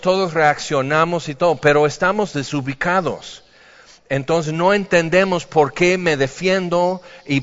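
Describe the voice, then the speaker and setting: A man's voice: fairly high pitch, fairly bright tone. A man preaching a sermon in a conversational way, acting out the voices he quotes. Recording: dull recording with long hall reverb.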